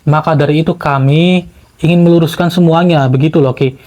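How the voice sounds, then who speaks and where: A man speaks in a steady, reasoning tone. He calls out Islamic invocations often, and his voice sits somewhat high for a man. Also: fairly quick. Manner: calm mediator, frequent Islamic invocations. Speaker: host, paranormal team leader.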